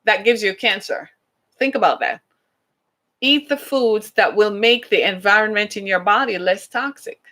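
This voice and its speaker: Speaking at a normal speed, this Caribbean-accented woman from the British Caribbean hosts her podcast with a bright, forceful tone at medium pitch. Her monologue is chatty and emphatic, full of rhetorical questions.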